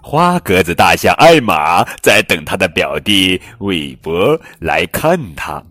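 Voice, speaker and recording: Deep-voiced man reading a storybook. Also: very animated, slow, a bit bright. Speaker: storyteller host. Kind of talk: children's picture book reading. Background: faint background music.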